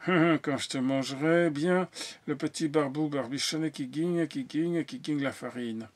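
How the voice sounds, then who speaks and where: A man voicing a sly, menacing big bad wolf in a fairy tale, gruff and muttering. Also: a little high, normal speed, close to an everyday voice.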